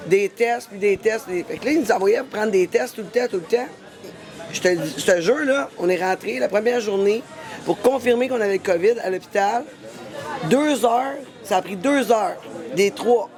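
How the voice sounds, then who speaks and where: A woman's voice: mid-range voice, normal speed. A woman with a Québécois accent, telling a story in a casual street interview with lots of exclamations. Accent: Québécois French. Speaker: interviewee, traveler. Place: outdoors in a busy street. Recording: loud crowd noise behind.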